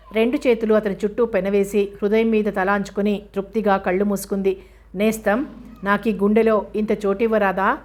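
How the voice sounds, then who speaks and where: A woman reads a novel aloud in a steady, even storytelling voice. Her pitch sits in the middle and barely rises or falls. She keeps the same level tone through narration and dialogue.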